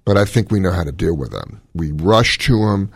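A cardiologist hosting a call-in radio show gives long, opinionated explanations in a low, smoky, gravelly voice. He speaks briskly and expressively, and the recording is dry, with studio quality.

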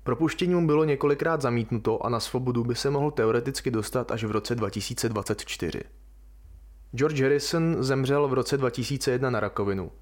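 A man hosting a podcast, talking through a subject alone in an informal, colloquial, musing way. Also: medium pitch. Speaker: podcast host. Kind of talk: casual podcast monologue.

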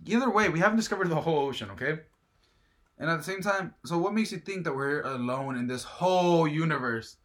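Animated, emphatic man with a Filipino accent. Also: a little high, brisk. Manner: opinionated, emphatic, repeats himself. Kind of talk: casual group debate. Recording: music behind the voice.

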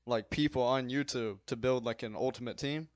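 A man's voice: mid-range voice, moderate pace. A young man co-hosting a casual podcast, speaking hesitantly with many fillers and laughing often. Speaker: podcast co-host. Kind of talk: casual chat.

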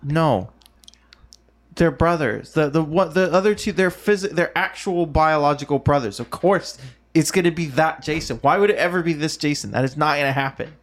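Teasing young male podcast host. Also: a little high. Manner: teasing, quick to interject. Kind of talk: casual chat.

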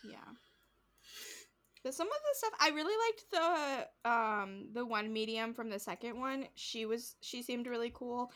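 A woman's voice: a little high, a little slow. A woman co-hosting a podcast, casually recapping a show and acting out the people in it, swearing freely. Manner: animated, acts out quotes, swears casually. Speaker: podcast co-host.

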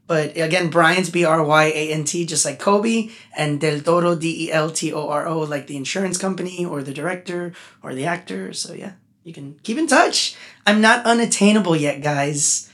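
Animated, talkative male musician guest. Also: fairly high pitch, normal speed. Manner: animated, talkative, gets emotional. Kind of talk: casual podcast interview.

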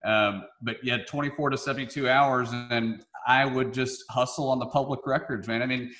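Man, young adult, Southern hillbilly accent, mid pitch, casual podcast guest, joking, roomy echo. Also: steady tone, moderate pace, a bit bright. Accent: Southern US twang. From Memphis, southern United States. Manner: folksy, joking, informal. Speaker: podcast guest, real estate investor. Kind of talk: casual anecdotal interview talk. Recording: roomy, echoey sound.

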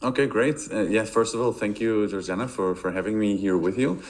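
A Belgian man with a low voice answers interview questions casually as a podcast guest; he works as a marketing director. He talks fairly quickly but hesitantly, repeating words and leaning on fillers.

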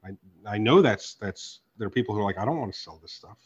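A man talking on a casual podcast, animated and quick to curse, jumping from loud bursts to mumbled asides. His voice is a little husky. The recording sounds slightly dull and lo-fi. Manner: animated, profane, swings from loud outbursts to low asides. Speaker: podcast host and card artist.

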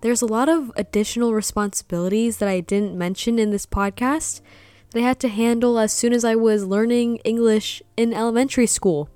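On her own podcast, a young host whose first language is Vietnamese reflects earnestly on growing up. Her voice is on the high side, steady, brisk and smooth, captured in a dry recording; she speaks softly and ends up giggling at the close.

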